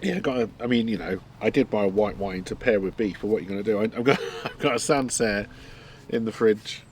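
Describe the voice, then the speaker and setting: Cooking outside in a garden during a live stream, this man talks fairly quickly in a lowish voice, with slight background noise. He rambles chattily, using lots of fillers and laughing often.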